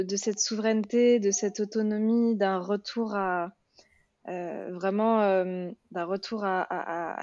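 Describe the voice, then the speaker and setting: A woman interviewing in a reflective, conversational way, haltingly searching for her words. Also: medium pitch, warm tone, dry recording, muffled recording.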